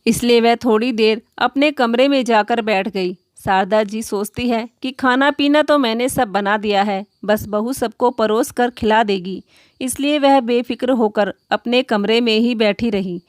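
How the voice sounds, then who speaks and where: A woman storyteller reading a scripted moral story at a steady, even pace, recorded on a close microphone in a quiet room. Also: fairly high pitch, unhurried, no echo.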